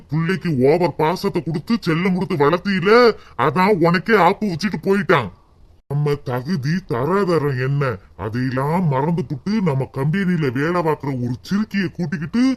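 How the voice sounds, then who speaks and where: A man voicing a stern, angry middle-aged father in a cartoon, scolding in a slow drawl with a southern Tamil accent. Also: fairly high pitch, lightly acted. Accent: southern Tamil, Tirunelveli.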